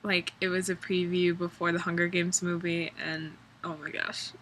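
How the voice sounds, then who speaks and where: A woman's voice: fairly low pitch, little pitch movement, moderate pace, fairly bright tone, slight background noise. A young woman chatting casually in her dorm room, rambling and sarcastic, with many ums and likes. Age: young adult. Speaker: vlogger. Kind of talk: casual vlog chat.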